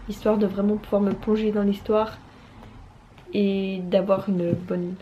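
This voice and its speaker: Chatty young French woman, mellow voice. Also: mid-range voice, a little hiss or hum. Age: young adult. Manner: chatty, many fillers and restarts. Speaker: book vlogger; student. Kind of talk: casual chat.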